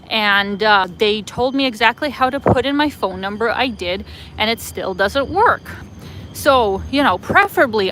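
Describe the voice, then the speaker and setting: A fairly high, bright, forceful voice belongs to a Canadian-accented travel vlogger rambling with many fillers as she walks city streets on a live phone stream. The rough recording carries a little hiss or hum.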